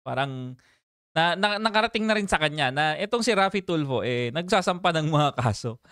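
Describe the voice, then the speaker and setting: Man, livestream host, casual chat, animated, laughs often, smooth clear voice, dry close sound. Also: a little high, moderate pace, no echo. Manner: animated and chatty, laughs often, reads viewer names aloud.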